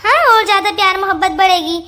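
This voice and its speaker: A performer voicing a wise elderly mother-in-law who scolds gently. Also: extremely high pitch, steady tone, fast. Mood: motherly. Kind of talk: cartoon voice acting.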